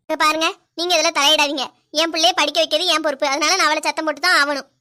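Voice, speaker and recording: A woman's voice: high voice, steady tone, very fast, sharp tone. A woman voicing a stern young mother in a cartoon, nagging sharply. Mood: defiant. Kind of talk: cartoon voice acting.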